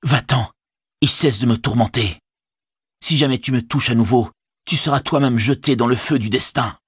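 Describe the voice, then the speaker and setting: A weary young hobbit speaks sternly and solemnly, as a man voices him for an audiobook. The tone is lifted above the reader's deep natural voice and keeps a husky grain. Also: unhurried, dry recording, studio quality. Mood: commanding. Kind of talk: audiobook character voice.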